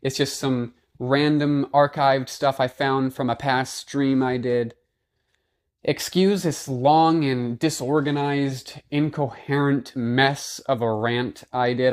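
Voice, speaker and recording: A man recorded on a phone's built-in microphone, giving a fired-up, blunt off-the-cuff rant as a gaming video maker and repeating himself. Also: mid-range voice.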